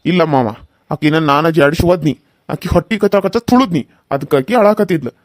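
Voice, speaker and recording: A man's voice: on the high side, animated, fairly quick, no echo, studio quality, natural voice. A man voicing a hot-tempered young brother-in-law in a cartoon serial, defiant and boastful.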